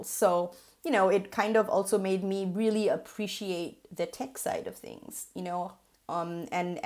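Chatty woman from Singapore, low voice. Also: a little mellow. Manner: chatty, laughs often, many fillers. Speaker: guest. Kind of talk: podcast interview.

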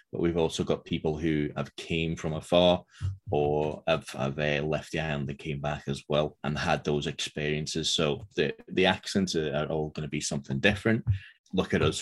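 A man from Liverpool speaks in a very low voice with a Scouse accent worn down by years in Scotland. He talks in a laid-back way, dry and self-deprecating as he chats about producing the podcast. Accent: Scouse softened by Scotland. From Liverpool, England. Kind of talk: casual chat.

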